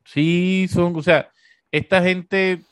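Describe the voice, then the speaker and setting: A man with a Puerto Rican accent hosting a talk show, giving sarcastic, animated political commentary full of fillers. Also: high-pitched, drawn-out words, smooth, no room sound.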